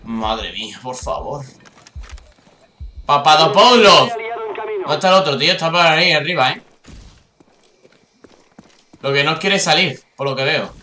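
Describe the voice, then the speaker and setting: A young man from Spain with a Castilian accent commentates live gameplay, swearing a lot and bursting into high yelps at kills and misses. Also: animated, normal speed, long pauses, reverberant, crowd noise. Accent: Castilian Spanish. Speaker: gaming youtuber.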